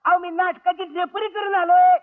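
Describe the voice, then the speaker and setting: An actor playing a cheeky young village prankster who teases and laughs in a comic film scene. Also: male voice, extremely high pitch, level tone. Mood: teasing. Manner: teasing, laughing, quick. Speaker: village playwright and joker. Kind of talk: 1980s film comedy acting. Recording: tinny lo-fi film soundtrack.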